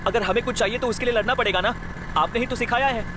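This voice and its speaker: A pleading teenage schoolboy, high and quick. Traffic and street noise run underneath. This is a Hindi film dub. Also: male voice. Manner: pleading, earnest.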